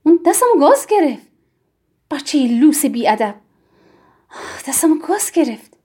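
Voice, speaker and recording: A woman voicing a stern, rigid middle-aged man who is quick to anger and scolds insistently in a raised voice. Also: a little high, expressive, a little mellow. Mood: angry.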